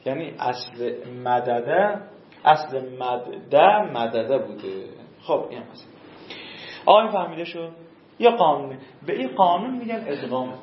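A male teacher giving a classroom grammar lesson, explaining slowly and repeating rules, with questions for his students. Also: mid-range voice, echoey room, lo-fi sound, slight background noise.

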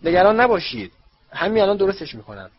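A man's voice: mid-range voice, expressive, breathy edge, no room sound, dull audio. A man voicing a flustered, kindly middle-aged wizard father, speaking in an earnest, pleading way.

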